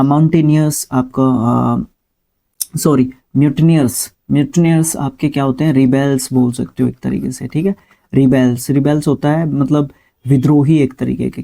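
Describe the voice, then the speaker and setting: A man teaching English vocabulary in an unhurried, explanatory way, moving between Hindi and Indian-accented English. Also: medium pitch, vocal fry, mellow. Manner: explains each word slowly, mixing Hindi and English. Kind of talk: spelling and vocabulary lesson.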